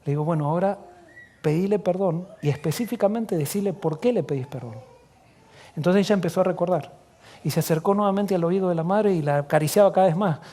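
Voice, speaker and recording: A middle-aged man with a Rioplatense Spanish accent, a pastor telling a story in a sermon in an earnest way, often dropping to soft, hushed tones. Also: high-pitched, quick pace.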